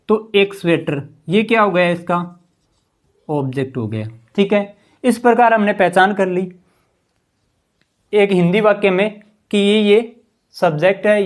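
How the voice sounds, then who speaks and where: Patient male grammar teacher. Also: sits high. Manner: patient, keeps asking the class rhetorical questions and saying "ठीक है". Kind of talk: explanatory classroom lesson.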